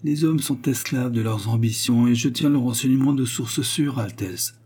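A man voicing a humble, secretive old man who speaks gravely and with respect. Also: medium pitch, normal speed, dark tone, pitched above the performer's own voice, close to an everyday voice.

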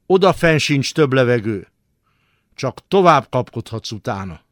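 A man's voice: medium pitch, very animated, fairly bright tone, dry recording, studio quality. A man voicing a rude, threatening lanky fellow prisoner who speaks in a curt, menacing way.

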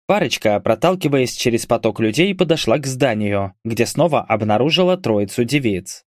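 A man's voice: mid-range voice, expressive, normal speed, dry recording. Dry male audiobook narrator.

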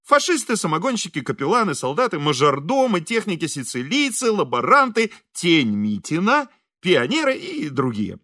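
A man narrating an audiobook in a lively, expressive way. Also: fairly high pitch, moderate pace, dry recording, clean studio sound. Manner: lively, expressive, voices characters. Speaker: audiobook reader.

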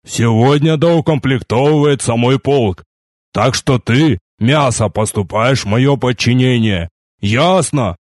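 A man voicing a gruff middle-aged male army sergeant who barks contemptuous orders, in a storybook reading. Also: mid-range voice, slow, no room sound, studio quality. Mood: stern.

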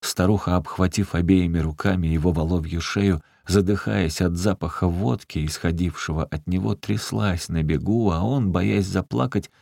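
A man reading a literary story aloud as an audiobook narrator, measured and unhurried. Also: deep voice, vocal fry, darkish tone, dry recording, clean studio sound.

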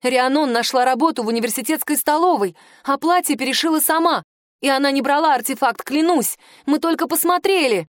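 A woman's voice: sits high, fairly quick, dry recording, clean studio sound, voice pushed up, close to an everyday voice. A woman voicing a young woman friend who speaks in a tense, ringing voice, pleading in an audiobook.

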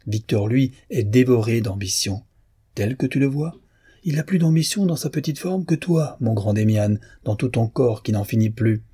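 A man voicing a calm, matter-of-fact young friend in a storybook reading. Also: mid-range voice, normal speed, husky. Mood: wry.

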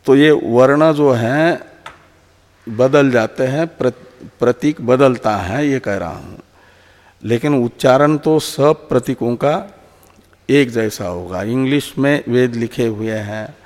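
A man teaching philosophy in a slow, patient lecture, often repeating words and restarting phrases as he explains. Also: mid-range voice, a little mellow. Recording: long hall reverb.

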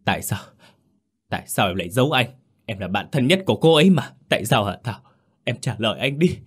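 A man's voice: low-pitched, normal speed. A man voicing a young man who is frantic and heartbroken, pleading and crying out in an audio story. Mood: accusing. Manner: pleading, rising to anguished shouts.

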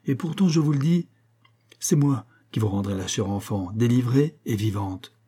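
A man voicing a steady, grave adult guide who gives measured counsel in a husky, dark voice. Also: medium pitch, natural voice. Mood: urgent.

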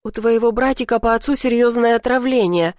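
A woman voicing a tired, gentle middle-aged mother who answers softly and evasively. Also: a little high, a little fast, no room sound, clean studio sound, natural voice. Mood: pleading. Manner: soft, pleading, evasive.

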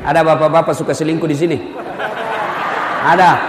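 A man's voice: a little high, level tone, fairly quick, crowd noise. A man preaching a humorous sermon, joking and bantering with the congregation. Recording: echoey hall with faint background hum.

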